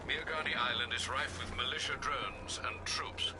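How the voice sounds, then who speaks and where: A man's voice: medium pitch, moderate pace, heavy background noise, natural voice. A man voicing a composed, dutiful aide in a video game. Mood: concerned, composed.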